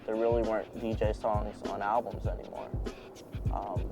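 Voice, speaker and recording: Lower-voiced man over loud music. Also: flat delivery, moderate pace. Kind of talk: documentary interview. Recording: interview under loud music.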